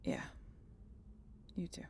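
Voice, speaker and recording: In an intimate audio roleplay, a woman plays a guarded, sardonic vampire a century old, talking to the listener haltingly and with casual profanity. Her whispered voice is warm and lightly acted, the mood wry and brusque.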